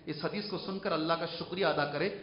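High-voiced preacher, lo-fi. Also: male voice, steady tone, reverberant. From India. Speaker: Islamic preacher. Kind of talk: Quran commentary sermon. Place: mosque. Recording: dull lo-fi mosque recording.

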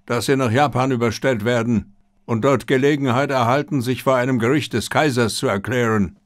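A man voicing a calm, dignified male general who speaks in a measured way, in an audiobook. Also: medium pitch, no echo, clean studio sound, close to an everyday voice. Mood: composed.

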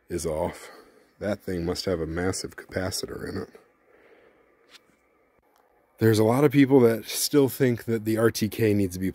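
A man casually narrating his robot mower test as a home video creator, thinking out loud and explaining what he sees on screen. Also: lowish voice, breathy edge. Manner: thinking aloud, conversational, explanatory. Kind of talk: casual tech vlog narration. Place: indoors, at home near a computer, at times outside.

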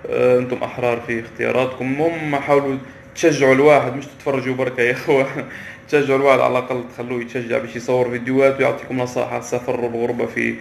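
A man vlogs casually to camera in a mid-range, gravelly voice with a flat delivery. His speech is halting, as he often stops mid-phrase to search for a word. The recording has a roomy echo, faint ambience and a little hiss or hum.

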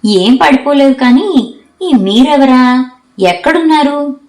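A woman's voice: high voice, expressive, slow, a little mellow, echoey room, pitched above the performer's own voice. A woman voicing a talkative, bold young woman college student who teases her new roommate. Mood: teasing. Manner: teasing, chatty.

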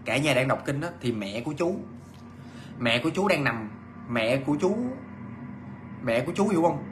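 A man retells a ghost story in a loose, conversational way, stumbling over his words and circling back on them. His voice sits at an ordinary middle pitch, with faint background noise. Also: lively intonation, moderate pace. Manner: chatty, repeats himself, many fillers and restarts. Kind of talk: casual storytelling.

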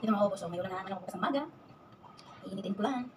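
A woman's voice: mid-range voice, very fast, background noise. A woman vlogger chatting casually while eating, talking with her mouth full. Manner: chatty, eats while talking, giggly asides. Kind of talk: casual mukbang vlog.

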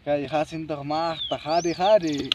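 A man's voice: fairly high pitch, fairly even intonation, a little slow, close to an everyday voice. A man playing a singsong rural buddy. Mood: joking. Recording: noisy outdoor recording.

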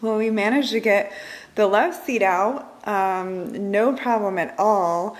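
A woman in her thirties films an upbeat, casual home tour of a large house with an open living room and kitchen, holding the camera herself while staying off screen and chatting with many fillers. Her medium-pitched voice is slow, and the recording is low quality.

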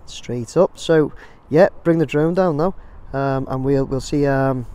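Standing outdoors near a construction site, a drone videographer with an English accent chats casually over his footage, rambling on and calling his viewers "guys." His medium-pitched voice is mellow and smooth, and he speaks a little slowly.

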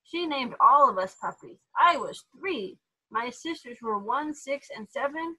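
A woman reading a children's storybook aloud with animated delivery, putting on voices for the characters. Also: high-pitched, measured pace, husky, rough recording. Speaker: therapy dog handler reading to kids.

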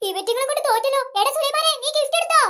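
A woman's voice: very high-pitched, animated, racing, background noise. A woman voicing an impatient, scolding big-sister girl in a cartoon. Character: bossy big-sister girl rounding up the younger kids. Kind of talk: cartoon voice acting.

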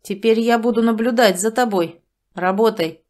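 A woman's voice: fairly high pitch, moderate pace, darkish tone, natural voice. A woman voicing a haughty young lord who gives curt, cold orders in a fantasy audiobook. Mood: stern.

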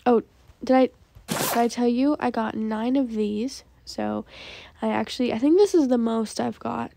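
A woman's voice: on the high side, unhurried, vocal fry, background noise. A young woman hosting a gaming channel, chatting casually about her game pets and often saying "like" and "um". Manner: chatty, says "like" and "um" a lot.

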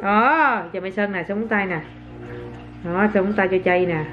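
A woman's voice: mid-range voice, moderate pace, dull audio, over music. A woman, a mother filming her toddler in a casual home vlog, chatty and exclaiming as she coaxes the child.

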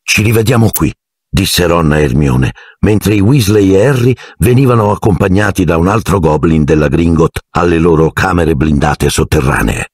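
A man narrates an audiobook with a deep, slightly husky voice. His reading is expressive and dramatic, swinging widely in pitch. The recording is dry and close. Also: moderate pace, few pauses, dry recording.

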